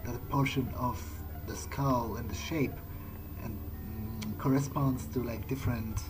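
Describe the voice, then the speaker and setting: Playing a video game with soundtrack music behind him, a let's player improvises in character, talking hesitantly to himself and swearing freely. His voice is medium-pitched with fairly even intonation and a measured pace, and the audio quality is poor.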